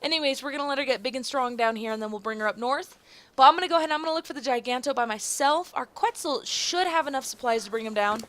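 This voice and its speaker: A woman's voice: high-pitched, fast, a bit bright, dry recording. A woman giving rambling, casual gameplay commentary, full of fillers and self-corrections, with some casual swearing. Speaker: gaming video host.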